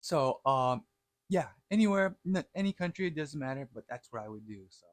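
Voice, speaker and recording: A man hosting a casual vlog, talking in a halting, hesitant way while eating. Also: fairly high pitch, expressive, dry recording. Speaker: host.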